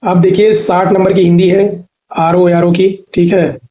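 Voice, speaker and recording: A man teaching a Hindi exam-prep class, asking a question and then answering it himself, repeating each answer and spelling words out slowly. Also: sits high, flat delivery, dark tone. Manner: drops "theek hai" checks between points.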